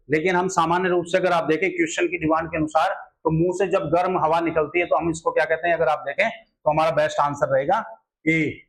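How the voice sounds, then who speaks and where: This is a teacher, a man whose voice sits fairly high, leading an exam-focused grammar lesson over bad audio. Every answer gets a step-by-step explanation, and he hammers home the main points while circling back with rhetorical questions.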